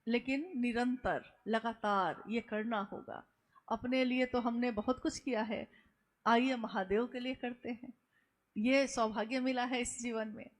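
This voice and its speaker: A woman's voice: on the high side, fairly even intonation, measured pace. A woman giving an earnest devotional discourse, repeating words for emphasis and taking questions from listeners. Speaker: spiritual speaker.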